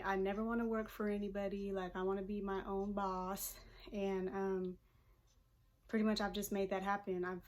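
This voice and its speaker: A relaxed young woman in her twenties talks her way through a makeup routine. She keeps it loose and chatty, with plenty of fillers and easy laughs, in a friendly mid-range voice. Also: medium pitch. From Pacific Northwest of the US. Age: 20s. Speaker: hairstylist and vlogger. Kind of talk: casual chat while doing makeup.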